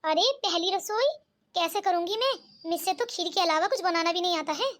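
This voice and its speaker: A woman's voice: very high-pitched, a little fast, a bit bright. A woman voicing a nervous, polite young newlywed daughter-in-law in a cartoon. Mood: worried. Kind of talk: cartoon voice acting.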